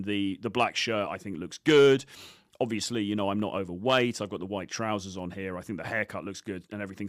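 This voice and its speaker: Commenting informally on video clips, this male dating coach is blunt, sweary, and sure of himself. His voice is on the low side with a fairly bright tone, captured dry at studio quality.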